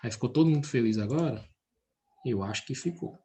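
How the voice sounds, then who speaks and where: A man's voice: medium pitch, a little fast, warm tone. A man teaching a chemistry class, using everyday analogies and regularly asking named students questions. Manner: checks in with students by name and asks frequent questions. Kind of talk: live class explanation.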